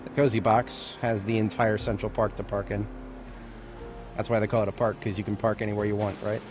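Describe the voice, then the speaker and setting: A man's voice: lowish voice, little pitch movement, a little fast, music in the background. A man giving casual, rambling commentary on a game as a streamer, with playful, self-mocking remarks. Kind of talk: casual let's-play commentary.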